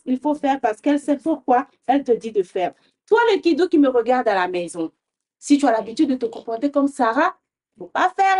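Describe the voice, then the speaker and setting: A woman hosting a children's show, teaching young kids gently, asking them questions and often adding a quick "hein?". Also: high voice.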